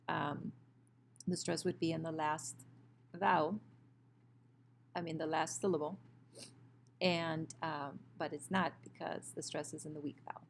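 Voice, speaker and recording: A woman with a low, gravelly voice walks through a recorded grammar lesson over a screen share. She explains patiently, often pausing on fillers and correcting herself. A faint hum sits under the computer-mic recording. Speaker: Spanish teacher.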